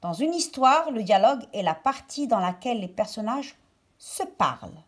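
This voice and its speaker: A woman's voice: on the high side, very animated, moderate pace. A woman primary school teacher giving a recorded lesson to children, explaining step by step and phrase by phrase as if dictating, with stress on key words. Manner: didactic, phrase-by-phrase delivery as if dictating.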